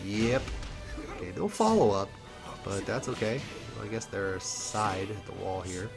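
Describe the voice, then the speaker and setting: A man with a low, congested voice calls a fighting game match on his own. He talks loosely and keeps up a chatty flow with fillers and small laughs. Loud game music plays under him. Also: lively intonation, unhurried. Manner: casual, chatty, laughs often, many fillers. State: stuffed up from a cold. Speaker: esports commentator. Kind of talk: solo play-by-play commentary.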